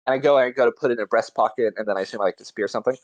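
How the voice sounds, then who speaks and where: A man playing a tabletop game, chatting casually and haltingly as he thinks aloud. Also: medium pitch, no room sound, dull audio.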